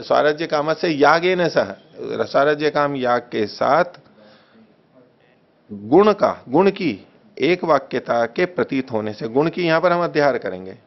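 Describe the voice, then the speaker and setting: A man teaching a text study class, reading a translation slowly, repeating phrases and correcting the wording patiently. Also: on the high side. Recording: dull lo-fi recording.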